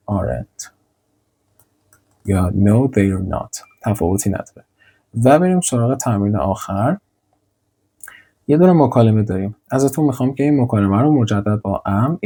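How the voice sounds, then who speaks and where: A young man teaching an English grammar lesson with slides, drilling sentences slowly and repeating them. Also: mid-range voice, dark tone. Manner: slow, deliberate model sentences, repeating drills.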